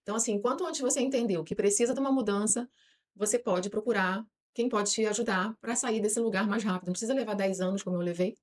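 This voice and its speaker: A woman's voice: medium pitch, fast talker. A woman with a Brazilian Portuguese accent, a podcast guest explaining her views at length and acting out what people tell themselves. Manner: lively, voices imagined people's thoughts. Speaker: guest on self-knowledge podcast.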